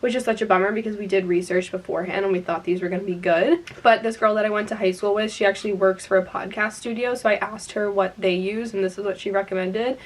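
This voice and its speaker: A woman's voice: medium pitch, fairly even intonation, fast, few pauses. Chatty young woman vlogging her day. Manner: chatty, says "like" a lot. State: out of breath. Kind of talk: casual vlog chat.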